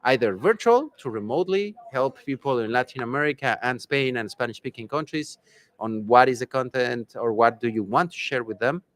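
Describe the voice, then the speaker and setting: A man's voice: medium pitch, fairly quick. Upbeat man interviewing a guest. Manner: upbeat, promotional, playful. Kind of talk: casual conference interview.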